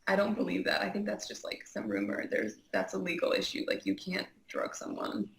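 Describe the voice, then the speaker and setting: Chatty young woman with vocal fry. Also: fairly low pitch, sing-song, brisk, reverberant, low-quality recording. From Iceland. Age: young adult. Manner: chatty, heavy use of "like" and "um", frank. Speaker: interview guest. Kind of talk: candid personal story.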